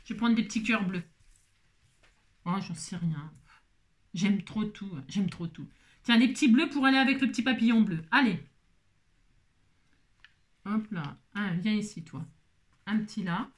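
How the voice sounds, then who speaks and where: A woman's voice: mid-range voice, animated, measured pace, long pauses. A woman hosting a craft tutorial, chatting playfully to viewers and to herself as she works. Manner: talks to herself and viewers while working, playful teasing asides.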